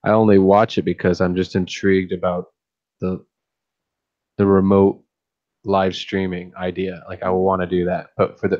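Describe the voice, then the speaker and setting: This deep-voiced man streams about fish keeping, talking casually late at night as he thinks out loud with lots of restarts. His sound is a little mellow, with the highs cut off.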